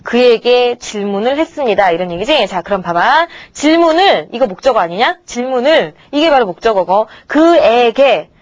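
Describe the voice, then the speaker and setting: A woman's voice: on the high side, lively intonation, moderate pace, few pauses, no echo, highs cut off. A woman teacher giving a grammar lecture to middle-school students, chatty and coaxing, checking in with her class again and again. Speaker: English teacher.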